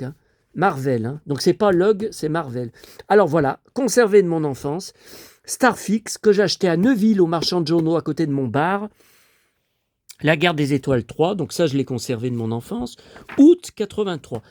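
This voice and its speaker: A man in his fifties from France, hoarse from a cold, rambling nostalgically with lots of asides as he shows off his collection. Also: on the high side, darkish tone, dry recording, studio quality. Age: 50s. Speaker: collector showing his memorabilia. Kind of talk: casual collection show-and-tell.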